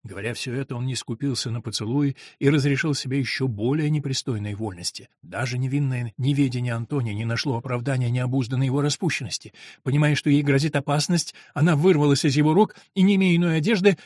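A man narrating a gothic novel in a measured, dramatic reading. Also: medium pitch, darkish tone, dry recording, clean studio sound. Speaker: audiobook narrator.

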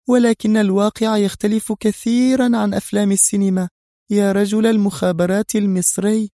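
A man's voice: high-pitched, warm tone, no room sound, studio quality, voice pushed up. A man voicing a mocking, scheming female crime boss who laughs lightly as she taunts, in an audiobook reading.

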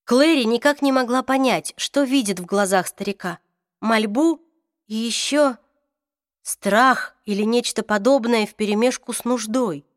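Expressive woman audiobook narrator. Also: a little high, measured pace, no echo, studio quality. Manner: expressive dramatic reading, voices each character. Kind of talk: scripted narration.

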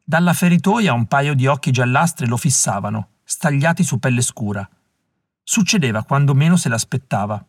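Man reading an audiobook, mid pitch, measured and calm, dry close sound. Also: slightly rough, no room sound. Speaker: audiobook reader. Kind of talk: scripted narration.

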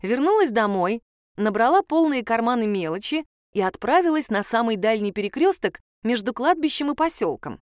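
A woman narrating a first-person story in a lively, wry way, often indignant. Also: on the high side, moderate pace, smooth, no echo, clean studio sound.

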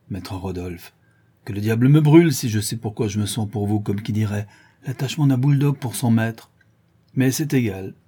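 A man voicing a rough, loyal Parisian ex-brawler who rambles in street slang. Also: mid-range voice, mellow, close to an everyday voice.

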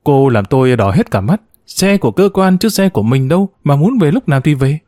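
A man's voice: medium pitch, animated, normal speed, mellow, no echo, clean studio sound, natural voice. A man doing a stern official's wife. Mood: scolding. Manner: scolding, proper. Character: stern, self-important middle-aged official's wife.

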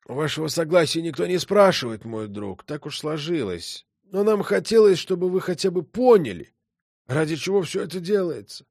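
Мужчина изображает насмешливого холодного дворянина. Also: male voice, a little high, lively intonation, moderate pace, a little mellow, no echo, clean studio sound, voice pushed up. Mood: sardonic. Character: cold, sardonic nobleman.

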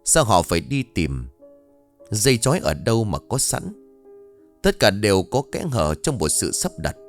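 Người kể chuyện nam đầy biểu cảm. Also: male voice, lowish voice. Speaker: storyteller. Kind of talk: scripted narration of a ghost story.

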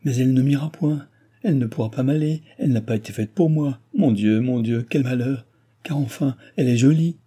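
A man's voice: medium pitch, a little fast, dark tone, slightly rough, pitched above the performer's own voice, natural voice. A man reading aloud who voices an emotional young aristocratic woman, wailing and exclaiming in a raised voice. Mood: agitated.

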